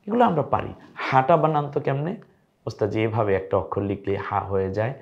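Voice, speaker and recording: A man's voice: medium pitch, gravelly, a little mellow, highs cut off. A man teaching viewers to read Arabic letters, coaxing them to repeat each letter name after him. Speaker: Quran teacher.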